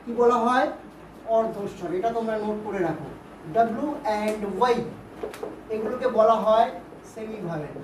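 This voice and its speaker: A woman's voice: on the high side, moderate pace, long pauses. A woman teaching English vowel sounds to pupils, patiently repeating words and asking questions to check they follow. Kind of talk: Bengali-language grammar lesson. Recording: roomy, distant, faint background hiss.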